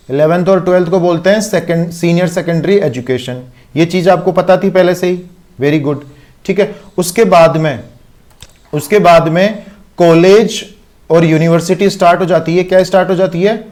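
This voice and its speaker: A man's voice: sits high, darkish tone. A man with an Indian accent teaching an online exam-prep lecture, explaining step by step and checking in with constant rhetorical questions.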